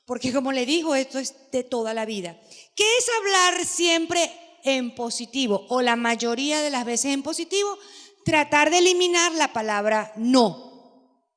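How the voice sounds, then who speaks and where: High-voiced woman pastor preaching slowly. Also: expressive, a bit bright. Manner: emphatic, asks the audience questions. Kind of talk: sermon teaching parents. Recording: long hall reverb.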